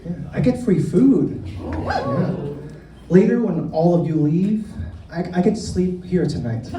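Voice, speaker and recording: Slow-paced and marked by long pauses, the medium-pitched voice swoops wildly. It's a comedian born in Vietnam, teasing and talking directly to the crowd during a live stand-up set at a comedy club, recorded distantly in a roomy space with audience noise.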